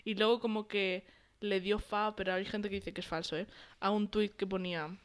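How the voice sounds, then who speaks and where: A woman's voice: mid-range voice, moderate pace. Chatty woman telling gossip. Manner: animated gossipy storytelling with many fillers. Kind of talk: casual chat.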